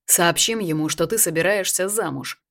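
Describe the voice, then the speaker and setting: A woman's voice: on the low side, moderate pace, a bit bright. A woman reading a wry, tender male major. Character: teasing tender male army major, ill.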